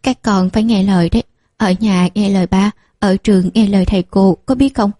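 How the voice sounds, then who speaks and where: A woman's voice: medium pitch, brisk, mellow, dry recording, studio quality, natural voice. Woman reading as a tearful young mother. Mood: coaxing. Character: young mother, tearful and longing for her children.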